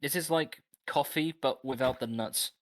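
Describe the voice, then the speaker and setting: A woman's voice: a bass voice, normal speed. A woman who plays tabletop games, chatting casually with friends. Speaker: tabletop game player. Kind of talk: casual chat.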